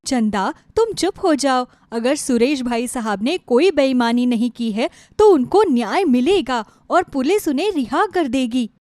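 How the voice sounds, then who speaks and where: A woman's voice: high voice, lively intonation, unhurried, hardly any pauses, darkish tone, no echo, studio quality. A woman voicing a distraught young bride in a storybook tale, speaking in a tearful, pleading manner.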